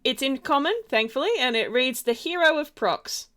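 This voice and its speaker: A woman's voice: sits high, moderate pace, bright, forceful tone, clean tone. A giggly woman running a tabletop game, narrating casually as game master.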